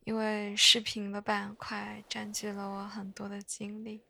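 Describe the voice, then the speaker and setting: A woman chatting in a soft, breathy whisper for bedtime listening, hushed and gently unhurried, close to the mic. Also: medium pitch, monotone, slight background noise. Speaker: host of a bedtime podcast.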